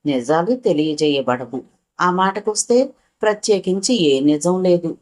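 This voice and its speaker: A woman's voice: fairly low pitch, animated, unhurried. A woman voicing a young man who works as a driver, evasive and teasing in a dry way.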